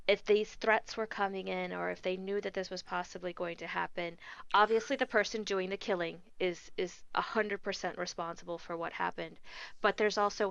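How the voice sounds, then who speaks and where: Earnest woman co-host on a casual podcast, fumbling with ums, low gravelly voice, dull lo-fi sound. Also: fairly bright tone, no echo. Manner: earnest, hesitant, many ums and restarts. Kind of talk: casual panel discussion.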